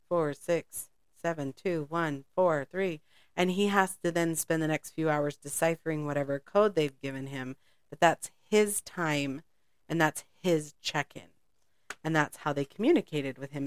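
A woman's voice: deep voice, clean tone, no echo, clean studio sound. A woman co-hosting a podcast, telling a spy story in a rambling, casual way and laughing often. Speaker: podcast co-host.

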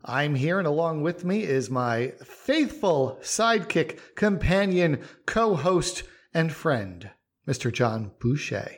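A man hosting a podcast with a somewhat high voice. He talks in a relaxed, casual way, rambling a little and restarting sentences with plenty of fillers. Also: slow pace. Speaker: podcast host.

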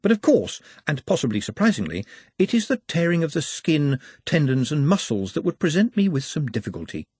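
A man voices a courteous, precise male orc, pitching him a touch above his usual narrating voice. The orc speaks fairly quickly in formal, polite, pedantic phrasing, sounding calmly menacing. The tone is slightly husky and close-miked, with no echo or sense of room.

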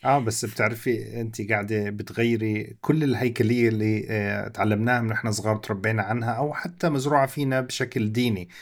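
A man's voice: lowish voice, steady tone, fast. A man with a Levantine Arabic accent hosting a podcast, questioning and pushing back on his guest's points. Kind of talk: conversational interview.

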